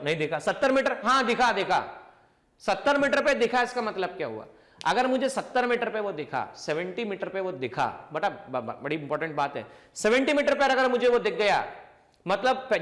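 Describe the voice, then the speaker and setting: High-pitched male physics teacher. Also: fairly bright tone. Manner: repeats questions and answers them himself; slows down to stress key points. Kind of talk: classroom lecture.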